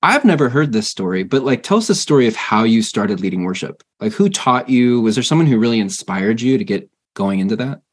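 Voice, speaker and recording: A man's voice: medium pitch, sing-song, brisk, few pauses, breathy edge. A man hosting a podcast who chats in a friendly, loose way, full of casual fillers as he brings in his guest. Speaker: podcast host. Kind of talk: casual interview.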